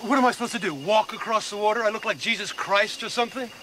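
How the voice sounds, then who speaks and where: A man's voice: sits high, extremely slow, pushed and bright, a little hiss or hum, exaggerated voice. An actor with an American accent playing a brash, foul-mouthed hustler in a TV series dub, cocky and switching between English and German. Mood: cocky, sarcastic. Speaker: dubbing actor. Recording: TV soundtrack with music underneath.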